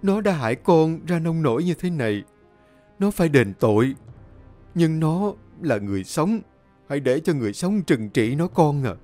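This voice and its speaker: Sorrowful old granny, soft imploring voice, as a male narrator puts her on. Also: on the high side, big pitch swings, moderate pace, faint music behind, pitched above the performer's own voice. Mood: pleading. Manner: tearful, gentle pleading. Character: grieving old grandmother pleading with a ghost.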